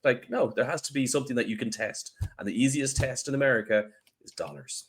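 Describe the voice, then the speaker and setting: A man co-hosting a podcast, arguing his point in casual debate with wry, deadpan sarcasm. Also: medium pitch, fast, breathy edge. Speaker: podcast co-host.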